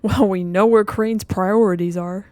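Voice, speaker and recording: A woman's voice: medium pitch, fairly even intonation, unhurried, a little mellow. A woman giving casual, enthusiastic fan commentary as a video host reacting to game audio.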